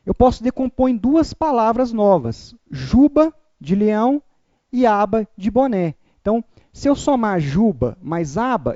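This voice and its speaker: High-pitched chatty memory teacher, man. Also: warm tone, dry recording, dull audio. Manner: upbeat, chatty teaching with repetition drills. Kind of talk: online memorization lesson.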